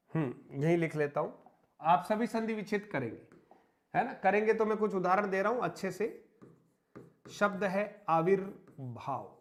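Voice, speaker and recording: A man teaching a Hindi grammar lesson, slowly dictating example words, repeating them, asking questions and answering them himself. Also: sits high. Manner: slow, repetitive dictation of example words, often addressing "मित्रों". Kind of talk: online exam-prep grammar lesson.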